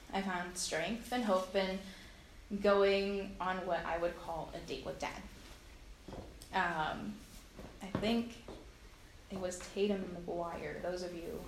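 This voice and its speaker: A woman telling a heartfelt personal testimony to a congregation in an earnest storytelling way, with frequent pauses and fillers. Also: lowish voice, reverberant, slight background noise, poor audio. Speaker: speaker sharing a personal testimony.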